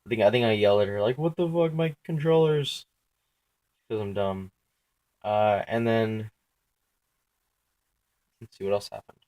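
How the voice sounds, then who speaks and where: A young man casually recounting his dreams in a halting, rambling way, full of filler words, self-corrections and casual swearing. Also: on the low side, little pitch movement, a little mellow, smooth.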